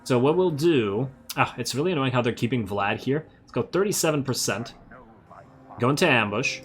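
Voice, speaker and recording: A man's voice: medium pitch, animated, normal speed, soft background music. A man giving casual, think-aloud commentary while playing a strategy game, self-amused and slightly losing his voice. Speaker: strategy game let's-play host.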